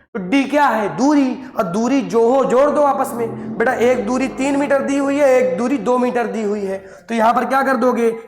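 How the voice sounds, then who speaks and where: A male teacher giving a lesson, coaxing his students and answering his own questions. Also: high voice. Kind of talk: classroom lesson. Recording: echoey, reverberant room.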